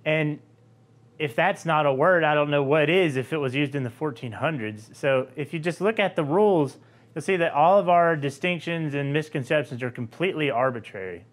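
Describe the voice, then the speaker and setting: A young man from Georgia with a light Southern accent, explaining a language topic to camera in a relaxed, conversational way with frequent fillers. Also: on the high side, normal speed. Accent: Southern US, softened. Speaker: linguistics video host.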